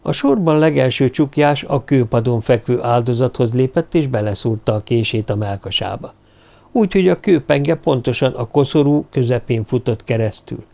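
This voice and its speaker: A male narrator reads a dark novel aloud in a steady, measured storytelling voice. His tone is dark and mellow, with an even, middling pitch. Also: gravelly. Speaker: audiobook narrator. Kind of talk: scripted narration.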